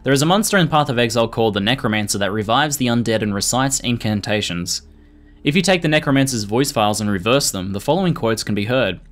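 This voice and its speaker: A man reading scripted video narration in a measured, informative manner. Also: medium pitch, expressive, a bit bright. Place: voice-over recording. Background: music.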